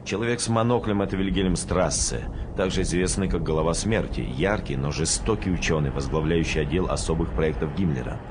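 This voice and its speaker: Guy playing a serious army intel briefer in a game, deep voice, noise behind him. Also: fairly quick, few pauses, natural voice. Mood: grave, matter-of-fact. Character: grave male military intelligence briefer. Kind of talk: scripted video game mission briefing. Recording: distant game audio with clear background noise.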